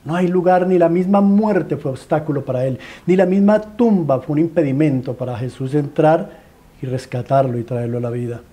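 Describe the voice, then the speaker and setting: Man, Colombian accent, preacher, dramatic sermon storytelling, rhetorical questions, soft warm tone. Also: fairly high pitch, moderate pace. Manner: dramatic, pleading, stacks rhetorical questions and repeated phrases.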